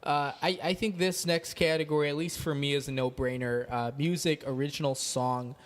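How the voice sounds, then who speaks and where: A man guesting on a podcast in casual chat, relaxed and teasing, reading out lists of picks. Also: fairly high pitch, normal speed. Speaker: podcast guest, co-host of another podcast.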